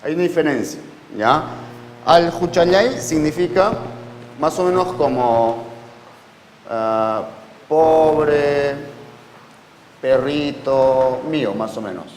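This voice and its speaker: A man teaching a language class in a slow, patient way, repeating words and checking that students follow. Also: a little high, lively intonation, big-room sound, a little hiss or hum, poor audio. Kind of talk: classroom lecture.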